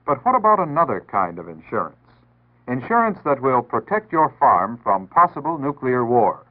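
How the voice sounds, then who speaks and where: Speaking at normal speed in a mid-range voice with wide pitch swings, an American man narrates a scripted 1960s civil defense announcement. His tone is earnest, formal and instructive. The audio is tinny and band-limited, as in old 1960s radio recordings.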